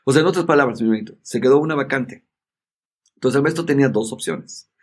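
A man who is a guest in a conversation tells a personal story with emphatic animation, frequently checking in with his listener. His voice is mid-range, fast and husky.

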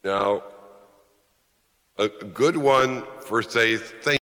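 A priest reading the gospel and giving a homily in a slow, measured way, his voice carrying a long church echo. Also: lowish voice, bright, forceful tone.

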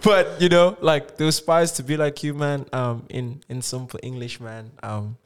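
A man's voice: mid-range voice, flat delivery, normal speed, clear, resonant tone. A South African man hosting a podcast interview, speaking hesitantly with many ums and likes as he searches for words. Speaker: podcast host. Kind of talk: casual interview chat.

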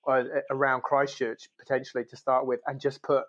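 A man's voice: medium pitch, flat delivery, fairly quick, fairly bright tone, dull audio. A man originally from the UK, a podcast guest in casual conversation, talking with enthusiasm and laughing often. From United Kingdom. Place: lives in New Zealand.

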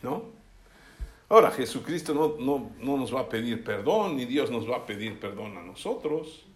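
A man's voice: medium pitch, animated, normal speed. A man preaching a sermon in a conversational way, often checking that listeners follow along. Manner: conversational, asks listeners for assent. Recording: echoey room.

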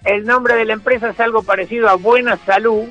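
A man's voice: sits high, steady tone, bright, forceful tone, highs cut off, faint music behind. A man with a Rioplatense accent hosting a satirical radio monologue, mocking and sarcastic. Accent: Rioplatense Spanish. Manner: mocking, sarcastic, rapid-fire jokes. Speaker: radio host and humorist.

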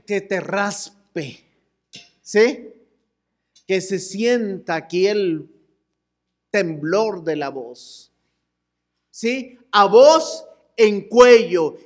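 A woman preaching to a congregation that includes children, asking them questions and now and then shouting out phrases. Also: mid-range voice, very slow, pauses often. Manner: animated, asks the crowd questions and calls out with them. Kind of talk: sermon to a mixed congregation with children.

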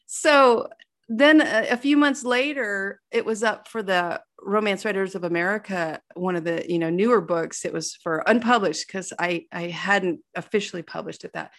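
A middle-aged woman, an author guest on an interview show, telling stories with animated, self-deprecating energy and acting out quoted dialogue. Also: mid-range voice, normal speed. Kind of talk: casual interview storytelling.

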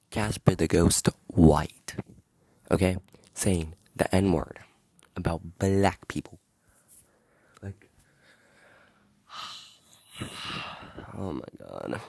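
His voice sits low, a little mellow with a breathy edge, in a dry recording. The young man hosts a podcast outdoors in wind, rambling indignantly through a casual story packed with fillers.

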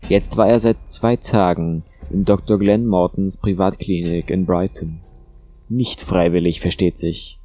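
Deep husky male audiobook narrator. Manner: steady, measured storytelling.

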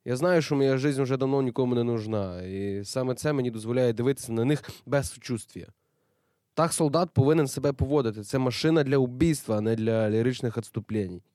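A man voicing a hardened, cynical young soldier in a hospital audio drama, blunt and defiant. His tone is dark and mellow, recorded dry and close. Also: mid-range voice, fairly quick, no echo, close to an everyday voice. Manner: brusque, dismissive, slangy.

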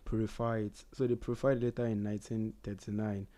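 A man's voice: fairly low pitch, little pitch movement, quick pace, warm tone. A man co-hosting a casual history talk, often hesitating and repeating words as he thinks. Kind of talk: casual radio history chat.

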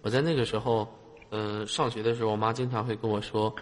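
A man's voice: lowish voice, flat delivery, fast talker. A man with a Northeastern Chinese accent hosting a live call-in show, chatting in a teasing, jokey way and often laughing. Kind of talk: joking casual chat with callers. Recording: long reverb, loud background noise.

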